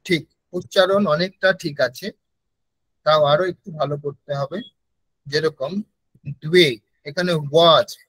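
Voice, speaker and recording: A Bengali-accented man teaches online, slowly repeating words so his students can copy them. His voice sits a little high. The call audio is dry and close, with no room sound. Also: fairly bright tone, no echo, rough recording. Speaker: Sanskrit teacher. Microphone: video call.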